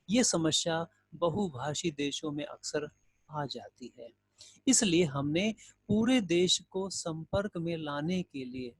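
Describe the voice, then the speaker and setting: Male Hindi teacher, raised pitch, explains with examples and questions, dry booth. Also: darkish tone, breathy edge, dry recording. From India. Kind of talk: recorded grammar lesson.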